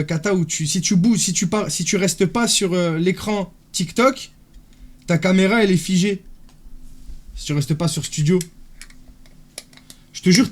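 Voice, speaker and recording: Bantering male streamer, slightly high voice. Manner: teasing, joking banter with chat. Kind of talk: casual live-stream chat.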